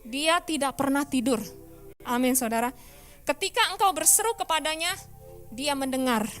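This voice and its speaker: A woman pastor giving a lively sermon in church, often asking the congregation questions. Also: high voice, moderate pace, faint music behind.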